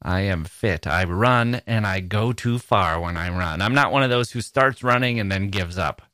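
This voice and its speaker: This podcast host has a lowish voice with a bright, forceful tone and speaks at normal speed. In humorous solo commentary he reads out personal ads, reacting with wry amusement and wondering aloud through rhetorical questions, recorded in studio quality with no echo.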